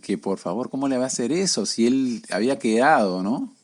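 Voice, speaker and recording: A man's voice: mid-range voice, expressive, a little fast. A man preaching a conversational sermon, often tagging his lines with questions to the listeners.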